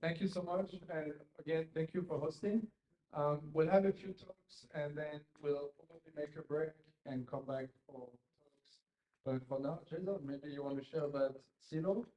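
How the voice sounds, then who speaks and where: An event host thanking the room and introducing the next speaker. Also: female voice, sits low, moderate pace, dark tone, muffled recording, slight background noise. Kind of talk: hosting at a live event. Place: event venue. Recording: distant, roomy hall sound.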